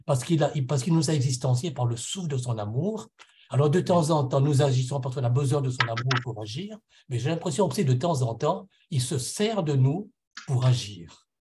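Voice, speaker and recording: A little hiss or hum sits under the mid-range, slightly mellow voice of a middle-aged man from Réunion island giving a spiritual testimony at a conference. Speaking at normal speed with lively intonation, this panel speaker is earnest and reflective, often searching for words and repeating himself.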